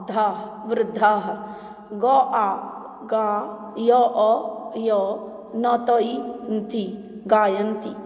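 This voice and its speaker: A woman teacher drills pronunciation in a slow, deliberate voice, sounding each word out with care. Her voice sits fairly high, and the recording rings with a long, roomy reverb. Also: darkish tone. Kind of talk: recorded class lesson.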